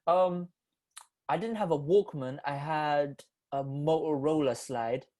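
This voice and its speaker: A man's voice: on the high side, takes it slowly, darkish tone. Slangy man in his twenties chatting. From Philippines. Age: 20s. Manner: loose slangy banter, earnest when serious. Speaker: podcast host. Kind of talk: casual chat.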